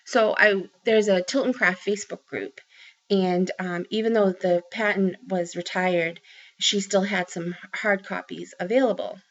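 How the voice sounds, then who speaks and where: Her voice is medium-pitched and steady, with a measured pace, as this craft vlogger from the Boston area chats casually to camera about her craft haul. In her forties and Boston-accented, she rambles with lots of ums and restarts. The close webcam in her small home room produces dull, lo-fi sound.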